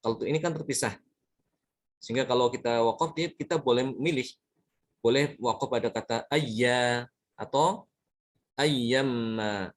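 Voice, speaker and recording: A man's voice: mid-range voice, normal speed. A man teaching Quran recitation rules in a lesson. He talks patiently, repeating words and examples and checking in with his listeners often. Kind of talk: tajwid lesson explaining examples.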